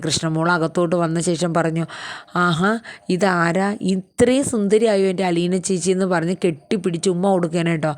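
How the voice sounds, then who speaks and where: A woman's voice: medium pitch, no echo. A woman casually retelling the events of a TV serial episode in a chatty, storytelling way. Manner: chatty, often ends lines with a friendly tag word. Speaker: TV serial recap narrator.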